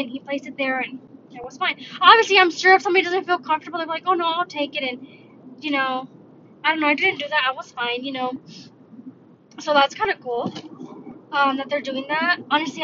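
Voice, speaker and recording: A bright, high-voiced woman talks on her own in a loose, rambling way, often stopping to correct herself mid-sentence. She sounds like she is recording from her car. The audio is dull and lo-fi, with a faint hiss of noise behind her. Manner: rambling, self-correcting, chatty. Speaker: podcast host. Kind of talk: casual solo talk.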